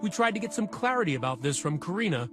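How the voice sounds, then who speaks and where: A man narrates a crime news segment in a measured, dramatic scripted style. His voice sits slightly high. A music bed plays clearly beneath him. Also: big pitch swings.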